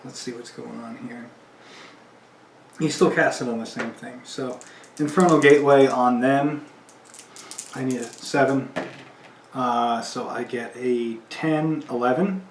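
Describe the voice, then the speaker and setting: A man's voice: mid-range voice, steady tone, unhurried, long pauses, roomy sound, a little hiss or hum. A man playing a tabletop wargame, counting dice aloud and talking casually to viewers as he plays. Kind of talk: casual play-by-play of a tabletop battle.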